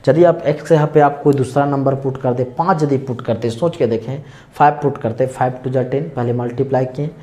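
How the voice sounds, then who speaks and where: A man's voice: medium pitch, brisk, dark tone. A man teaching a maths class, explaining each step and asking and answering his own questions as he draws on the board. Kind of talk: classroom lecture.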